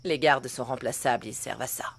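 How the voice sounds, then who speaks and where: A woman's voice: rumbling low, quick pace, vocal fry, slightly rough, heavily acted. An actress playing an arrogant, cold-hearted mother in a dubbed telenovela, speaking in a haughty, dismissive way.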